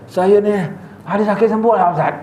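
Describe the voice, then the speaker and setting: A man's voice: sits high, a little fast, warm tone, roomy sound, slight background noise, pitched above the performer's own voice, natural voice. A man voicing a whiny, ailing male beggar who pleads for money in a wheedling tone. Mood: pleading.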